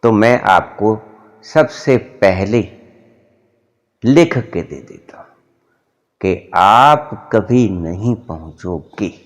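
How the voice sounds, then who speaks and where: Man, spiritual teacher, unhurried delivery, pitch swinging widely, middle-aged. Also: animated. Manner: slow, deliberate, rising and dropping sharply for emphasis. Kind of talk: Hindi spiritual discourse.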